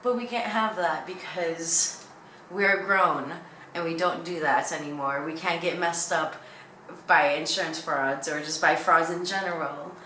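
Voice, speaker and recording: A young woman talks to her viewers in a casual, candid vlog style, wandering between thoughts. Her voice sits a little low but has a bright, forceful edge. She is recorded in an echoey room with faint noise behind her. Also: measured pace. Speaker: YouTuber.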